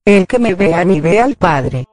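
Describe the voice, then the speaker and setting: A reader giving scripture passages in a formal, steady voice. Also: mid-range voice, unhurried, no echo.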